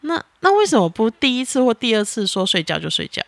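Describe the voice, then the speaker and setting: A woman, chatting casually on a podcast as a mother talking with her child, animated and exasperated in a teasing way. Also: fairly high pitch, fast talker, no room sound.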